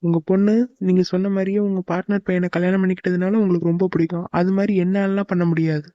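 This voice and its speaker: A man's voice: high voice, little pitch movement, quick pace, no room sound, muffled recording, close to an everyday voice. A man voicing a stubborn young son who argues with his father in a cartoon, in a heated way. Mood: defiant.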